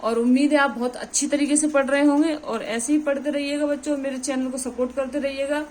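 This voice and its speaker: A woman with a Hindi accent from Uttar Pradesh gives an exam-prep grammar lesson. Her voice sits high, and she teaches patiently, repeating her points and checking in with the students. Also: fairly even intonation, fairly quick, a little mellow. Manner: explains with examples, repeats "ठीक है" often.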